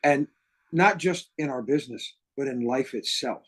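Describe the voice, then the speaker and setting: Male talk host, husky mid-pitched voice, enthusiastic and complimentary. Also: normal speed, a bit bright. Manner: enthusiastic, praising. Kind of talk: casual interview chat.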